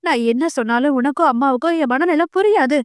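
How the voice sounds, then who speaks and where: A bitter young bride, her voice pitched up high and tight as she pushes away her family, as a woman narrator puts her on. The storybook scene is close and dry, with no room around it, and her delivery is quick and strained, close to tears. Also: no echo, natural voice. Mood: bitter anger. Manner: pleading then angry, breaking voice.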